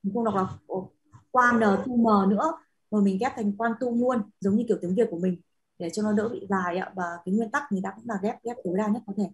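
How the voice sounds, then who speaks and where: Fast-talking, husky woman teacher. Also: medium pitch, a little mellow. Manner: patient, explains with many fillers and checking questions. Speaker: Latin teacher. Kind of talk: classroom lesson.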